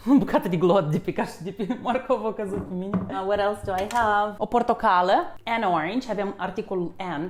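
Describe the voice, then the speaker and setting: A woman gives a casual, playful English lesson from her home kitchen. Her voice sits at a middling pitch, and a faint noise runs behind her. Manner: lively, playful, switches between two languages. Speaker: English teacher.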